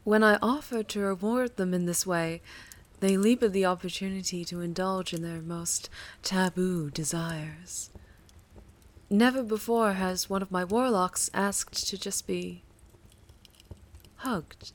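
A woman's voice: fairly low pitch, steady tone, close to an everyday voice. A woman voicing a seductive otherworldly warlock patron in an audio roleplay, teasing and whispery. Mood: flustered tender. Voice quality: breathy, whispery. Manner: teasing, purring, slow.

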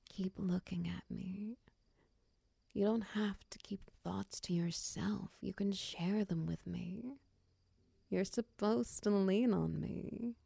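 Woman, soft and soothing, husky low fry, slips into whispers, close-mic calm partner. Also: dry recording. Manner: guides slow breathing counts. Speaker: comforting partner in an audio roleplay. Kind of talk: ASMR comfort roleplay.

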